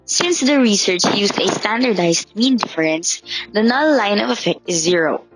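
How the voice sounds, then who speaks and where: A woman's voice: mid-range voice, expressive, moderate pace, rough recording. A woman giving a scripted, infomercial-style explanation of student research findings. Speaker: student presenter. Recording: background music under the voice.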